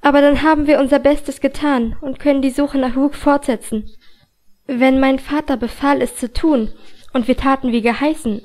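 Give me a high-pitched woman reading a novel aloud in a calm, steady storytelling voice. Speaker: audiobook reader. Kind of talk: first-person audiobook narration.

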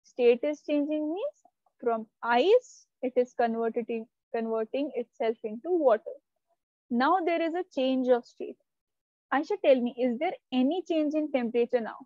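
A high-pitched woman teacher with a soft, mellow tone. She explains step by step and keeps checking that her students follow. The sound is dull and lo-fi, like online class audio, and very dry. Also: expressive, moderate pace, dry recording. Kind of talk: live online class lecture.

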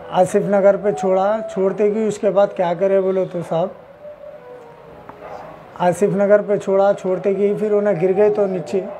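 A man with a Hyderabadi accent, an auto-rickshaw driver from Hyderabad, telling his story to reporters in a halting, repetitive way and calling the listener "sir" again and again. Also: high-pitched, warm tone, highs cut off, slight background noise. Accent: Hyderabadi Urdu. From Hyderabad, India.

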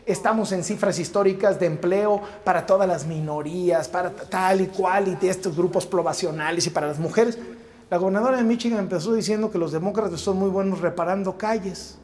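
Framed to camera on a wood-paneled set and wearing a lapel mic, a man in his forties with a Mexican Spanish accent gives forceful political commentary as a news commentator. He repeats phrases for emphasis, and his voice is high, fairly quick, and a little mellow.

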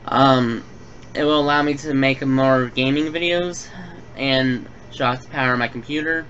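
Steady and fairly bright, with a medium pitch and normal pace, this young man hosts a gaming channel from home. A build tutorial comes first, followed by an offhand personal update full of fillers, on a dull lo-fi home recording with faint hiss.

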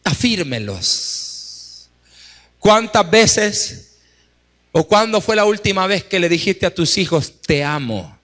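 A man's voice: sits high, steady tone, measured pace, a bit bright. A man preaching a Sunday sermon in a church, exhorting the congregation with emphatic repeated calls and acting out little scenes between husband and wife. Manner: acts out wife and husband in asides. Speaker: pastor. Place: church sanctuary. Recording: live hall with echo and music.

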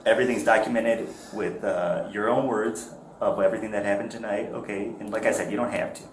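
A male police officer questioning a detainee gently, hesitant and restarting his questions, recorded on a body camera. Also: on the low side, steady tone, brisk. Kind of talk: questioning a suspect. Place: police station. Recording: echoey noisy bodycam audio.

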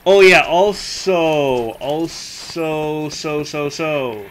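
A man hosting a let's play, chatting casually and thinking out loud as he plays a video game. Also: a little high, extremely slow, smooth, rough recording. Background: game music.

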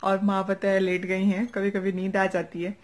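A young woman vlogger with an eastern Uttar Pradesh Hindi accent softly narrates her evening at the family home, moving between indoors and the courtyard, captured on a nearby phone or camera. Her mid-range voice is chatty yet completely flat, at normal speed, often ending with a fond "right?" to draw viewers in. A little hiss or hum is audible.

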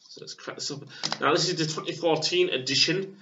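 A man's voice: a little high, background noise. A man in his thirties from England, casually reviewing a beer at home on a webcam, with plenty of hesitant fillers. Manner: halting, filler-heavy, relaxed. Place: small room at home. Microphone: webcam at desk. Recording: dull lo-fi webcam audio.

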